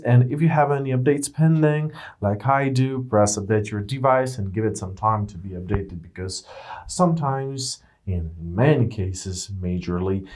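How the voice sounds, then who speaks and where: A man's voice: medium pitch, darkish tone. A man presenting a step-by-step tech how-to as a tutorial host, in piecemeal phrases with sing-song emphasis.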